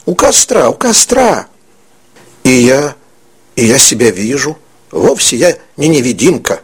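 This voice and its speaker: A man's voice: medium pitch, sing-song, a little slow, husky, heavily acted. A man voicing an eager, frightened young boy who speaks breathlessly. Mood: excited.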